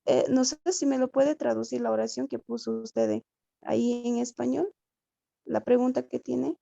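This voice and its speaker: A woman's voice: fairly high pitch, fairly even intonation, normal speed, vocal fry, mellow, dry recording, lo-fi sound. A woman from Peru, a student in a translation class, asking a question hesitantly and checking in often. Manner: hesitant, circles back with "¿no?".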